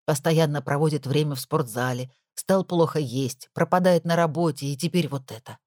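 A woman voicing an older, caring, gossipy woman in an audiobook, confiding in a low voice. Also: moderate pace, a little mellow, no room sound, studio quality, natural voice. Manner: confiding, chatty.

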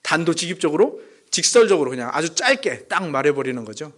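A man's voice: big pitch swings, fast talker, fairly bright tone. A man preaching a sermon as pastor to his congregation, asking them questions and acting out quoted lines and jokes. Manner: addresses the congregation directly with questions; acts out dialect jokes and quoted lines with rising pitch. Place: church.

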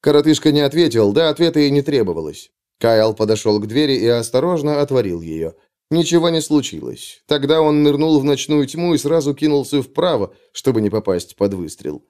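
A man reading an adventure story aloud as narrator, in steady, dramatic storytelling. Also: mid-range voice, a little fast. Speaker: audiobook narrator. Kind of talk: scripted narration.

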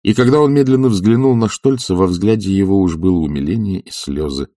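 A man narrating a classic novel in a measured, even way. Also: sits low, no echo, studio quality. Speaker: audiobook narrator.

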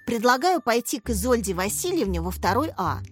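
A woman's voice: a little high, sing-song, brisk, soft background music. A woman voicing a cheeky prankster schoolboy who talks eagerly and playfully, drawing out his boasts. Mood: excited mischief.

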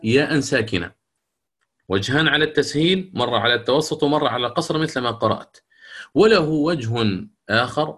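Man, middle-aged, recitation teacher, mid-pitched voice, answers his own questions, slow chanted examples. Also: a bit bright. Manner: explains with questions he answers himself, chants the verse slowly in demonstration. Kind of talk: lecture on recitation rules.

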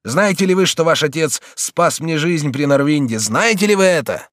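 A man's voice: fairly high pitch, animated, moderate pace, no echo, studio quality, voice pushed up, natural voice. A man reading an audiobook voices a kindly, easily moved middle-aged prince regent, exclaiming and questioning with raised emotion. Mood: agitated. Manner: exclaiming, warm and agitated.

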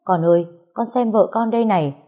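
A furious older mother-in-law in an audio story, as a female narrator plays her scolds and laments loudly. Her voice climbs high and shrill above the narrator's usual low tone. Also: fairly quick, natural voice. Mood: furious lamenting.

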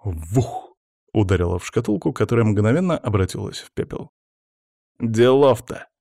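Low-voiced male audiobook narrator. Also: big pitch swings, a little fast, gravelly, warm tone, dry recording, studio quality. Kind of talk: scripted first-person narration.

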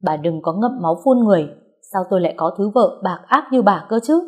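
A woman's voice: mid-range voice, expressive, fast, natural voice. A woman voicing a blustering older father-in-law. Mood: angry. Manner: shouting, blustering.

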